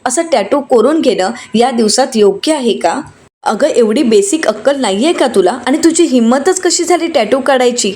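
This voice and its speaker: A furious young wife scolds with an indignant edge, her voice sitting fairly high, as a woman narrator reads her lines. She presses each point with sharp reproach. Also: lively intonation, normal speed. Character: angry protective young wife.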